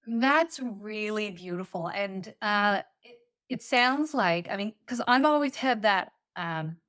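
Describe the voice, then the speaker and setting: A woman's voice: medium pitch, animated, slow, fairly bright tone. A woman hosting a podcast interview who speaks in a reflective, personal way. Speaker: podcast host. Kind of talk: conversational interview.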